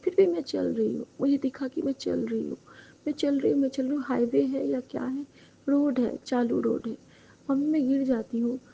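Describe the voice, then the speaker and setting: A woman's voice: high voice, steady tone, normal speed, gravelly. A woman earnestly retelling a dream to her congregation as a devotional testimony, speaking to her listeners directly. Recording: dull lo-fi recording with faint noise.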